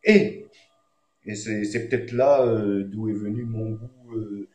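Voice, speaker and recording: A man who sings reggae and does comedy tells a story in a relaxed, slangy way, with fillers everywhere. His voice sits on the low side. The sound is roomy and echoey. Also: takes it slowly. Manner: laid-back, slangy, frequent fillers. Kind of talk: casual storytelling.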